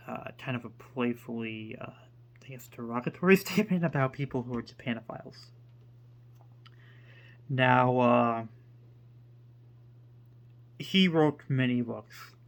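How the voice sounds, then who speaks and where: A man chatting to the camera about books at an unhurried, drawn-out pace. He rambles and stops to hunt for words, with a voice of middling pitch for a man. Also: fairly bright tone. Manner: hesitant and rambling, full of pauses. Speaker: book reviewer. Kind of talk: casual to-camera book talk.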